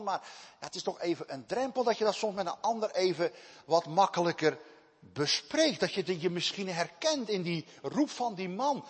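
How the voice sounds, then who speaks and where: A male pastor preaching a sermon, swinging between emphatic loud cries and soft, quiet asides. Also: high voice, slightly rough. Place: church. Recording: long church reverb.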